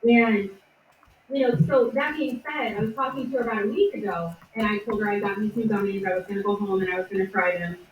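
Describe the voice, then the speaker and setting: A woman's voice: mid-range voice, fast, lo-fi sound, a little hiss or hum. A woman talking casually and at length, hesitant and full of fillers, recorded from a distance in an echoey room. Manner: rambling, hesitant with many fillers. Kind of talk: casual discussion.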